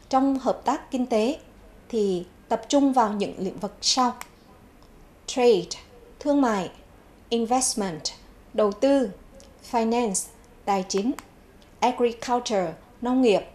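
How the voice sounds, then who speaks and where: Woman teacher with a clear, measured delivery. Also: a little high, darkish tone. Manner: repeats each English word twice, then gives its meaning. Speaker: English teacher. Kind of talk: televised vocabulary lesson. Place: TV studio.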